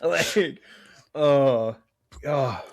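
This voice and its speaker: A man's voice: medium pitch, very slow, creaky. A man co-hosting a podcast in casual chat, teasing and laughing often, with some swearing. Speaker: podcast co-host.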